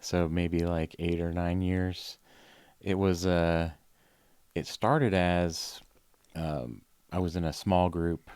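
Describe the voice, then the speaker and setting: A man in his forties, a podcast guest, chatting in a relaxed, rambling way with many fillers and restarts. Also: deep voice, slow, clear, resonant tone, no room sound, clean studio sound. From Ohio. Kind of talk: casual conversation.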